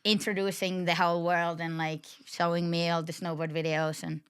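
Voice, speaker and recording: A woman's voice: on the low side, normal speed, smooth. A young woman from Finland, a guest on a podcast, chatting casually with lots of fillers. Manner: relaxed, uses filler "like" often. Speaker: guest snowboarder.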